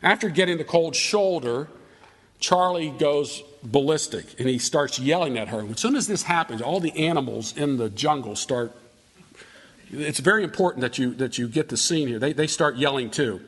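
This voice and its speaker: A man's voice: on the high side, expressive, normal speed, fairly bright tone, husky. A man teaching a Bible study, retelling an old film at length with frequent restarts. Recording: reverberant hall.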